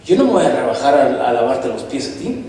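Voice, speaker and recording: A man's voice: mid-range voice, very animated, a little fast, mellow. A pastor preaching a sermon in a church hall. He tells stories and calls on the congregation to respond. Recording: echoey hall, far from mic.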